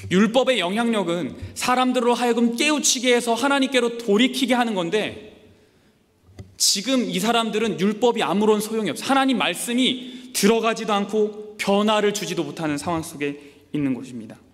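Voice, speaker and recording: A man delivers a devotional sermon in a high voice, his words ringing with the long reverb of a large hall. He acts out pleading prayers and complaints, building them up with growing intensity. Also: expressive, a little fast, fairly bright tone. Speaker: preacher. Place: church camp meeting hall.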